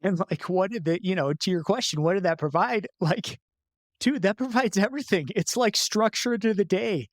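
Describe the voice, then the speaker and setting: A man's voice: sits high, normal speed, no room sound, clean studio sound. A man guest in a casual podcast interview, talking loosely with lots of filler words and easy laughs.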